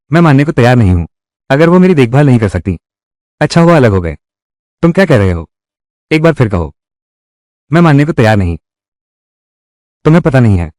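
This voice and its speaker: A man's voice: medium pitch, darkish tone, no echo, studio quality. A man dubbing a family drama, voicing every role himself in a dramatic manner. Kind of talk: Hindi-dubbed drama, one voice for all roles.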